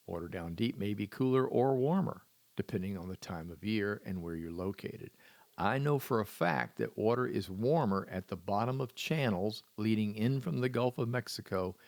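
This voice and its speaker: A man's voice: on the low side, gravelly, dry recording. A man hosting a fishing podcast, giving practical tips in a folksy, wry manner with dry self-deprecating humor. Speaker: fishing podcast host and charter captain. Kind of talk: solo podcast tips talk.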